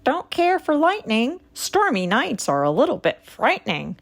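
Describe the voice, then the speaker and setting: Woman putting on a high, nervous honking goose. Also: huge pitch swings, moderate pace, vocal fry, full character voice. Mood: fretful. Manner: honking, fretful.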